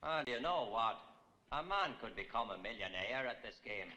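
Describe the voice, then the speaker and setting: A man's voice: mid-range voice, lively intonation, moderate pace, sharp tone. An actor playing a sly male corpse seller in a 1960s film, who speaks in a wheedling, ingratiating way. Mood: scheming.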